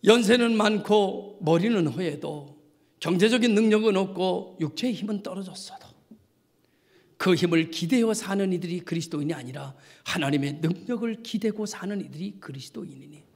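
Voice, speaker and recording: A male pastor giving a sermon, preaching with passion and swinging from hushed whispers to near shouts. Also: high voice, normal speed, breathy edge. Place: church sanctuary.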